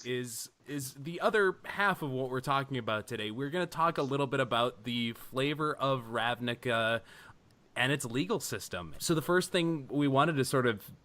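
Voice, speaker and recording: A man's voice: mid-range voice, moderate pace. Casual male podcast host. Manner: relaxed, guiding the discussion with questions.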